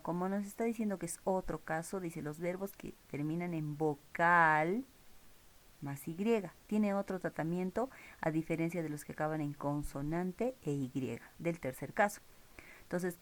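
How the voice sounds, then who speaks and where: Low-voiced woman explaining grammar. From Peru. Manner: explains step by step, with check-ins like "¿ya?" and "¿sí?". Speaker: English teacher. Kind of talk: recorded grammar lesson.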